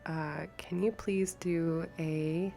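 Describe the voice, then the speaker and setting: A woman's voice: sits low, steady tone, slow pace, vocal fry, mellow, faint music behind. A woman narrating a tabletop role-playing game as the game master.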